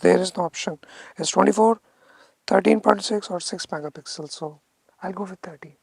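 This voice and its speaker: A woman with a North Indian accent talking casually as a photography vlogger, haltingly thinking aloud. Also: on the low side, vocal fry, darkish tone, slightly rough, no room sound. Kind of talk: casual vlog talk to camera.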